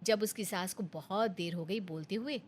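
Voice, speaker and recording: A woman narrating a storybook tale in a steady, plain manner. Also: mid-range voice, normal speed, a little hiss or hum.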